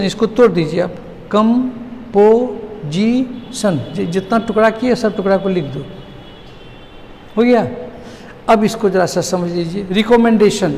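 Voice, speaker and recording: A male English teacher with a high, gravelly voice gives a classroom lesson. He drills words out slowly, syllable by syllable, and keeps asking the class questions. The recording has a long reverb and a faint hiss. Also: darkish tone.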